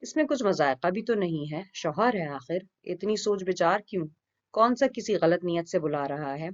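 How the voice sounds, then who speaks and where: A woman's voice: on the low side, expressive, highs cut off, natural voice. A woman voicing a young woman's eager, coaxing, lovesick heart in an audiobook.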